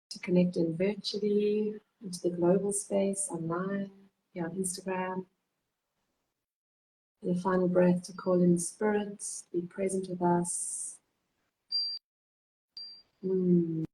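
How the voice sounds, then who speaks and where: Gentle woman hosting a live video chat. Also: fairly low pitch, flat delivery, slow, long pauses, rough recording. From South Africa. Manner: gentle, guiding, frequent hums. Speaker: host, cacao facilitator. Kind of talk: live online interview.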